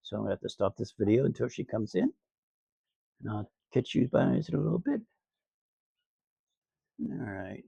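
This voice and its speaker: A man's voice: medium pitch, very animated, normal speed, vocal fry, long pauses, warm tone, slightly rough, dry recording, highs cut off. A man hosting a casual cigar review vlog outdoors, rambling in a laid-back way with fillers and crude jokes. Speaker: cigar reviewer, channel host. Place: outdoors on a sunny day.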